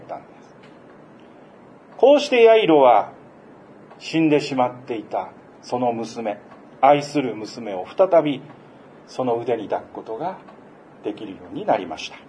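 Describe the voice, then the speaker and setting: A man preaching a sermon, explaining scripture in a gentle, unhurried way with frequent fillers. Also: mid-range voice, slight background noise. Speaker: pastor.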